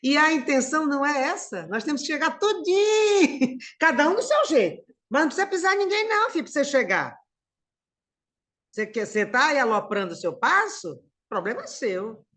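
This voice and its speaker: A woman's voice: high-pitched, sing-song, a little fast, a bit bright. A middle-aged woman from Brazil giving a conversational spiritist lecture, calling her listeners brothers and sisters.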